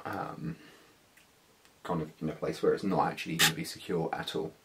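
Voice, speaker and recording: A man's voice: rumbling low, fairly even intonation, moderate pace, very noisy. A British man in his thirties giving a casual, slangy, slightly hesitant hands-on gear walkthrough indoors. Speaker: motovlogger. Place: small living room, indoors.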